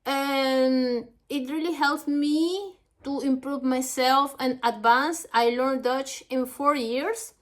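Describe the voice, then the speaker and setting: Giving instructions phrase by phrase, an Ecuadorian language teacher whose first language is Spanish speaks haltingly and carefully with a Latin American Spanish accent. Her voice is high-pitched with fairly even intonation.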